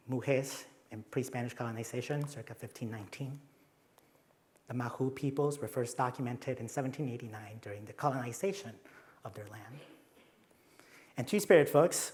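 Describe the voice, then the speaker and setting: A young man from Mexico, speaking with a Mexican accent, delivers a slide-based conference talk in a medium-pitched voice with a darkish tone. He often slips in playful remarks that poke fun at himself.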